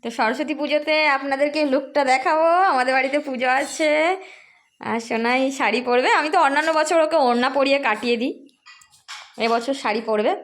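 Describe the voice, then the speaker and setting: A woman's voice: high voice, fairly quick. A young woman narrating a casual family vlog, chatting directly to her viewers about her day. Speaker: vlogger mother.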